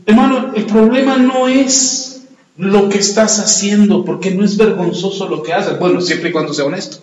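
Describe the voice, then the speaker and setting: A pastor preaching a sermon and telling stories, often putting questions to the congregation. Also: male voice, sits high, normal speed, darkish tone, dull audio. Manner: storytelling, asks the congregation questions. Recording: echoey hall, long reverb.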